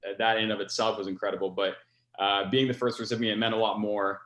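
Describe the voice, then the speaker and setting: A man's voice: lowish voice, flat delivery, fast talker, a bit bright, reverberant. A young man in his twenties, a pilot, answering interview questions earnestly with many fillers. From France. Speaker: scholarship recipient, pilot.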